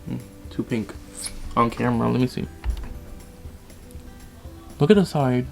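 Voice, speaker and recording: A man's voice: mid-range voice, unhurried, gravelly, faint music behind. A young man vlogging, telling a dramatic, profane story in a casual way while he does his makeup.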